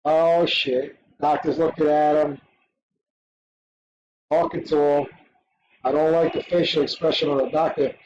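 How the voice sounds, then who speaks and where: A man hosting a live stream, reacting to a fight in short, excitable bursts and swearing freely. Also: fairly high pitch, a little slow, long pauses, dull audio. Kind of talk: casual live watch-along commentary.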